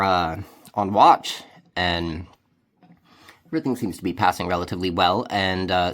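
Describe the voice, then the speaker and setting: Solo game narrator, man, slow and low-pitched, rambling, faint music underneath. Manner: relaxed, rambling, many fillers. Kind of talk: casual solo tabletop narration.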